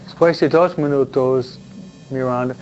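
A man's voice: medium pitch, steady tone, a little slow, a little mellow, soft background music. A priest talking informally with an audience, chatty and self-deprecating, often tagging his sentences with questions. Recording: dull lo-fi sound with faint noise.

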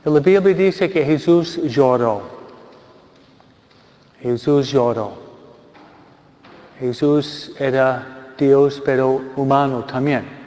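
Man, priest, funeral homily, slow and simple, dull lo-fi sound. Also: medium pitch, mellow. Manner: slow, simple retelling with pauses. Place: church. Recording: lo-fi recording in a reverberant church.

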